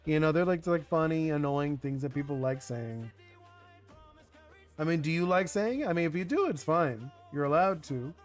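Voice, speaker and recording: On a live stream, a young man whose native language is Spanish talks casually while designing a card game. His fairly high voice has lively intonation and a normal pace, and he rambles with plenty of "like" and restarts over faint background music.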